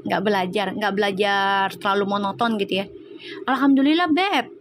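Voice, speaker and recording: A middle-aged woman, telling family stories in a casual live-stream chat as a tarot reader, animated and quick to laugh. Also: mid-range voice, noisy background. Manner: chatty, animated storytelling with frequent laughter.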